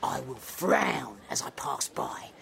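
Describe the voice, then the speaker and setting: A man's voice: mid-range voice, lively intonation, slow, creaky, pushed and bright, a little hiss or hum, heavily acted. An actor playing a wry, mocking young male servant, teasing his companion, in Shakespearean stage acting. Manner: teasing, sardonic.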